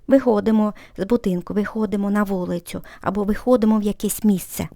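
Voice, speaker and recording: A woman teaching a language lesson, patiently explaining grammar and repeating example sentences slowly and clearly. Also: mid-range voice, steady tone, warm tone.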